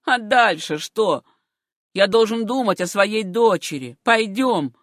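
A woman's voice: mid-range voice, animated, takes it slowly, no echo, clean studio sound. A woman voicing a stern, angry middle-aged uncle in an audiobook, harsh and contemptuous in tone. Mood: angry scolding. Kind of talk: audiobook character reading.

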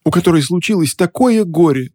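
A man's voice: medium pitch, expressive, normal speed, warm tone, no echo, studio quality, pitched above the performer's own voice, natural voice. A man voicing a cunning young witch who puts on tearful, theatrical grief to get her way. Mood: pleading. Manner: whimpering, theatrical, pleading.

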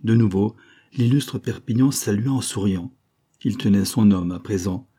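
A man reading an old serial novel aloud in a measured, steady narration. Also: on the low side, breathy edge. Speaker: audiobook reader.

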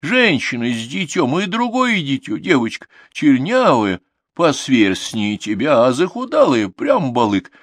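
A man's voice: medium pitch, big pitch swings, no room sound, clean studio sound, pitched above the performer's own voice. A man voicing a simple, trusting old village grandmother with speech in an audiobook. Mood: earnest. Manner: folksy, singsong, drawn-out dialect speech. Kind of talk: audiobook character reading.

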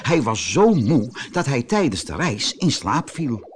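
A man from the Netherlands narrates a children's fairy tale in a mid-pitched voice that rises and falls very freely. He reads in a lively, expressive way, with a faint hiss behind him. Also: a little slow. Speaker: storyteller.

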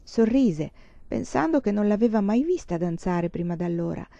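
Woman reading a novel aloud, calm and measured, dull dry lo-fi sound. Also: medium pitch, gravelly, no room sound. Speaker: audiobook reader. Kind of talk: literary audiobook narration.

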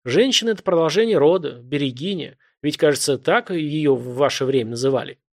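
A man voices a young working man in a storybook. He answers quickly and wryly, in a slightly raised voice. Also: a little high, expressive, a little mellow. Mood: wary. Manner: quick, wry replies hiding fear.

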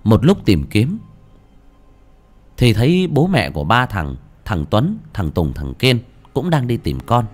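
A man giving dramatic, expressive scripted narration of a horror story. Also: medium pitch, measured pace, faint music behind. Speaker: audiobook narrator.

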